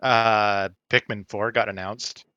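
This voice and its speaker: Chill guy on voice chat, lowish but bright punchy voice, laughs a lot. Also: steady tone, slow, smooth, no echo, highs cut off. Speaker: podcast co-host. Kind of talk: casual chat. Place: home, on voice chat. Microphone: desk mic over voice chat.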